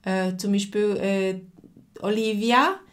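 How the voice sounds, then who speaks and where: A woman's voice: mid-range voice, fairly even intonation, slow. A Swiss woman of about forty with a Swiss German accent, teaching a live-streamed language lesson and patiently answering viewers' comments by name. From Switzerland.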